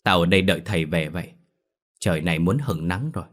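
A jumpy, curious young man in an audiobook ghost story, as a male narrator plays him. He mutters to himself in a deep, low voice and bursts into shouts. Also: animated, fast. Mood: weary.

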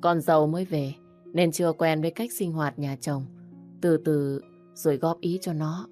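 A frail elderly father played by a woman narrator in an audio story. He speaks low and calm. His tone stays mild and gentle. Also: moderate pace, soft background music, lightly acted.

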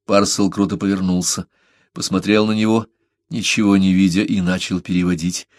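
A man narrating a novel as an audiobook in a measured, dramatic reading. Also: low-pitched, flat delivery, a little mellow, dry recording, clean studio sound.

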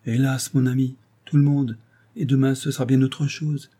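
A man's voice: mid-range voice, little pitch movement, moderate pace, mellow, breathy edge, voice pushed up, close to an everyday voice. A man voicing Diane, proud anguished young noblewoman. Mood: sorrowful.

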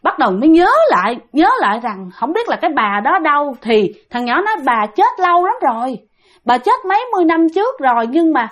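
Woman host, Southern Vietnamese accent, high voice; chatty ghost-story teller who talks straight to her listeners. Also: very animated, brisk. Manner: chatty, keeps addressing listeners directly. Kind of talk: casual ghost-story telling.

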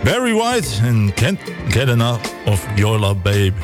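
Lively-voiced man hosting local radio. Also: mid-range voice, unhurried. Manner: hesitant, many fillers, lively intonation. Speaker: radio host. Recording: radio studio with music underneath.

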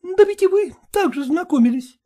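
A cheeky, coquettish female stray dog, chattering fast and sweetly. The voice sits very high and bounces with lively pitch. Its tone stays soft and mellow. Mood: coquettish teasing. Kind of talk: audiobook character voice.

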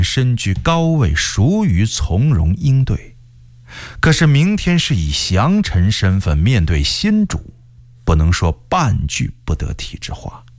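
A man reading a historical novel aloud for radio in a slow, measured storytelling voice. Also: mid-range voice, darkish tone, no echo. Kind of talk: scripted narration of a historical novel. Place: radio studio.

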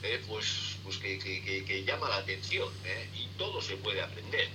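A middle-aged man, a sailing instructor, answering interview questions in a halting way, full of fillers and tag questions. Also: low-pitched. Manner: halting, many fillers and repeated "¿eh?". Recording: distant noisy remote line.

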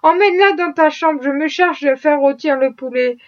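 A woman reading the part of an eager, cheerful young Quaker woman in a raised, brighter voice. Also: high voice, moderate pace, natural voice. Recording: muffled lo-fi audio.

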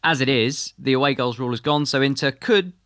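Presenting the sports results on breakfast radio, a man from the UK keeps things brisk with a slightly wry edge. Recorded close on a studio mic, his medium-pitched, somewhat bright voice is dry, with no room sound.

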